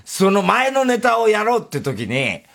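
A husky-voiced man in his fifties, one half of a comedy duo, talking with his partner in loose banter. His pitch swings widely as he scolds and acts out little quoted exchanges. His voice sits a little high for a man. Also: wildly swooping pitch, normal speed, fairly bright tone. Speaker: comedy duo member, the one making jokes.

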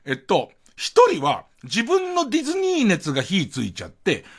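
A man's voice: high-pitched, huge pitch swings, normal speed, breathy edge. A middle-aged man hosting a late-night radio monologue, rambling in a self-mocking way with chuckling asides, on a close studio mic. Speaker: radio host.

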